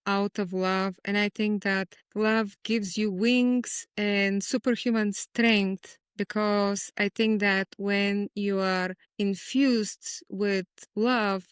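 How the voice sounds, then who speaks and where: A Bulgarian-born woman, a guest poet, talking in a reflective, measured way in an interview. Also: mid-range voice, clean tone, no echo, studio quality. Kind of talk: conversational interview.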